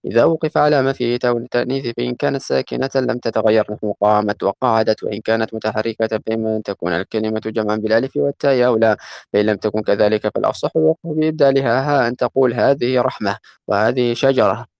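A man's voice: mid-range voice, steady tone, vocal fry, darkish tone, dry recording. Man reading a grammar text at speed. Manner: fast recitation, slows to chant quoted verses.

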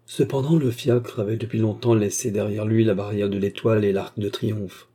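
A man reads a classic novel aloud as an audiobook, narrating in a steady, measured way. His voice is on the low side with a breathy edge.

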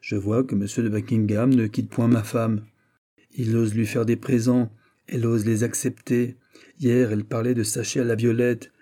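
A man's voice: mid-range voice, little pitch movement, moderate pace, dark tone, natural voice. A man voicing a jealous, indignant young French prince in an audiobook, heated and insistent. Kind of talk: audiobook character voice.

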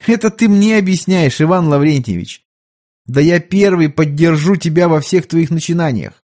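A man's voice: a little high, normal speed, a little mellow, pitched above the performer's own voice, lightly acted. A man voicing a young, hot-tempered emperor who speaks in a brusque, commanding way, in an audiobook.

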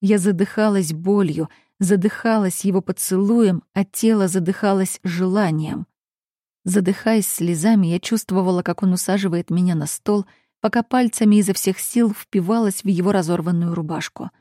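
A woman narrating a romance novel in the first person with an intimate, expressive reading. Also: mid-range voice, moderate pace, no room sound, clean studio sound. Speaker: audiobook narrator.

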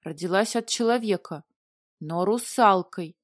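A woman voicing a flustered young heroine in an audiobook, chattering in a high, squeaky, whiny voice. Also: a little slow, no room sound, clean studio sound, natural voice. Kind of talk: audiobook character voice.

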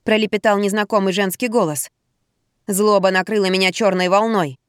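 A woman reads a first-person story aloud in an ironic, lively storytelling manner. Her voice sits in a middle register. The recording is dry and close, with no room around it. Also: mid-range voice, fairly quick, clean tone, no echo. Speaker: audiobook narrator. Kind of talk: scripted first-person narration.

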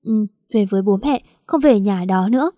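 A woman's voice: mid-range voice, normal speed, mellow, dry recording, studio quality, natural voice. A woman voicing a worried older village mother who scolds and pleads with her daughter. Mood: tearful.

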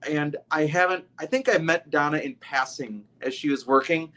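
A man's voice: on the high side, normal speed, pushed and bright. Chatty podcast host man. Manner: friendly, talkative, many restarts. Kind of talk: casual interview talk.

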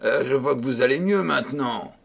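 A nervous, jealous king from a fairy tale, excitable and pitched up, played by a man reading aloud. He sounds easily alarmed. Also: moderate pace, creaky, husky.

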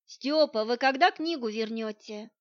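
A woman's voice: fairly high pitch, a little slow, no echo, close to an everyday voice. A woman voicing a fussy, pestering small-town librarian who nags and pleads over an overdue book, in a dull lo-fi audiobook recording. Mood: nagging. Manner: pleading, nagging. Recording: dull lo-fi sound.

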